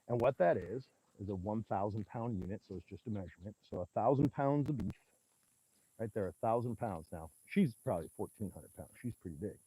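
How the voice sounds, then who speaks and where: A rancher with a booming, warm voice teaches grazing math on a livestream from the pasture, cattle all around him, talking with viewers through a small mic clipped to his hat. He explains things step by step in a folksy, easygoing manner, though the recording quality is low.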